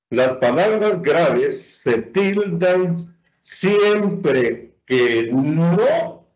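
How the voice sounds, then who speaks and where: Slow, lively-voiced male teacher. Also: a little high. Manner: asks and answers his own questions; drawn-out emphasis on example words. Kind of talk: virtual lecture on spelling. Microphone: computer mic on a video call. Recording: dull lo-fi online lecture audio.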